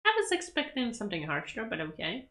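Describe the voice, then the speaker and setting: A woman's voice: fairly high pitch, huge pitch swings, fast talker, pushed and bright. A young woman in a small bedroom giving casual reaction commentary to an anime episode, giggling and talking back at the screen.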